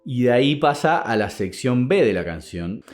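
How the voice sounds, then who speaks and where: A man's voice: mid-range voice, sing-song, normal speed, loud music behind the voice. A man teaching a step-by-step charango lesson, counting beats aloud and singing the rhythm as he explains. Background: plucked charango.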